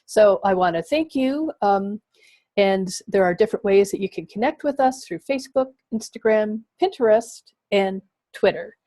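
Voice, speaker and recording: Woman presenting a webinar, mellow and dry. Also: mid-range voice, lively intonation, normal speed, dry recording. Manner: explanatory, with frequent ums and uhs.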